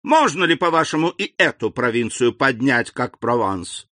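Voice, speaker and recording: A man voicing an indignant aging French king, imperious and frightened, in a commanding voice with sharp outbursts. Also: medium pitch, very animated, normal speed, no echo, studio quality. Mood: cold, commanding.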